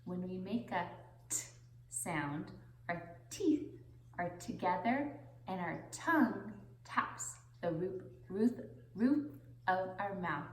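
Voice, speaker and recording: A young woman teaching a children's phonics lesson in a deliberate singsong, pausing for the listener to repeat. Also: lowish voice, lively intonation, a little hiss or hum. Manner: slow, deliberate singsong with pauses for repetition. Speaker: preschool teacher. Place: indoor classroom, seated on the floor. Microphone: camera a few metres away. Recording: roomy echo from camera distance.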